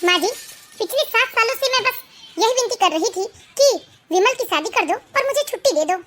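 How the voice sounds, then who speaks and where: Woman doing a cartoon elder daughter-in-law, scolding, bossy, very high, bright. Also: expressive, a little fast, slight background noise. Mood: bossy, scornful. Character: sharp-tongued selfish elder daughter-in-law. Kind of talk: animated cartoon voice acting.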